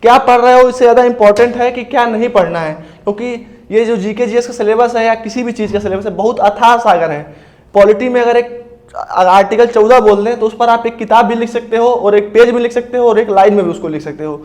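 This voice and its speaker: Speaking in an extremely high, slightly mellow voice and a little fast, an Indian exam coach walks aspirants through his advice one step at a time. The talk is casual, and he keeps checking in with his listeners, often saying "ठीक है भैया".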